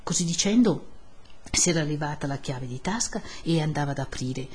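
A woman narrating a classic novel in a measured, expressive audiobook reading. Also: low voice, slightly rough.

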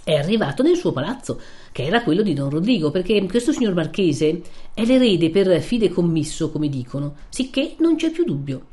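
A woman's voice: fairly low pitch, sing-song, moderate pace, warm tone. A woman reading aloud, voicing a determined young village man who speaks plainly and firmly. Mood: eager. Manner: resolute, plain-spoken. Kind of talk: reading a classic novel aloud.

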